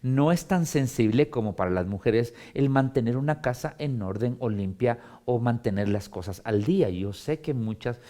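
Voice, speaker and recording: A man, a pastor leading a Bible study, expressive and given to emphatic repetition. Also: medium pitch, moderate pace, hardly any pauses. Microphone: streamed broadcast.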